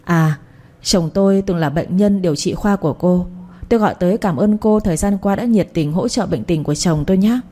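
A woman's voice: on the low side, fairly quick, dark tone, lightly acted. A woman voicing a polite, grateful woman on the phone. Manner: courteous, friendly.

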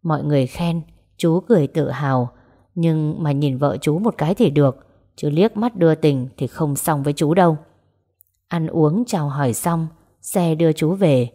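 Low, mellow woman reading a story. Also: normal speed. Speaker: audiobook narrator. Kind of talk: storytelling narration with dialogue voices.

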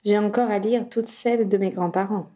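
Woman reading earnest young male hero, gentle and reassuring, mellow tone, audiobook. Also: medium pitch, steady tone, fairly quick, lightly acted. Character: young man, a war hero, earnest and patient.

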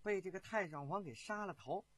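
A man telling a historical tale in a traditional storytelling performance, with animated, chatty asides to his listeners. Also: high-pitched, brisk, slightly rough.

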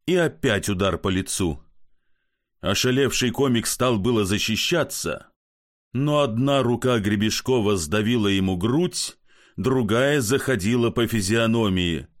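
Expressive male storyteller. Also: lowish voice, measured pace. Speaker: narrator. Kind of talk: audiobook narration.

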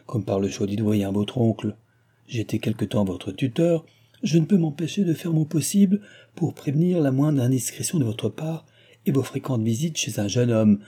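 Figure: arrogant former guardian voiced by a man, proud, preachy, dark husky voice. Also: medium pitch, moderate pace, voice pushed up, natural voice. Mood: haughty, lecturing. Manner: haughty, lecturing.

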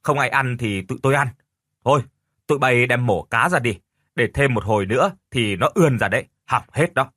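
A man's voice: medium pitch, animated, brisk, pushed and bright, no room sound, clean studio sound. A man voicing a jovial middle-aged neighbor in an audio story, who brushes off worries. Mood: offhand.

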